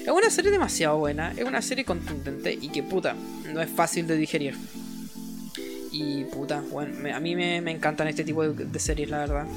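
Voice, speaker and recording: A man's voice: on the high side, fairly quick, over music. A young Chilean man co-hosting a casual podcast, slangy and profane, ranting with gusto about shows he loves and hates. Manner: slangy, swears a lot, animated rants. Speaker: podcast co-host. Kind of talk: casual chat.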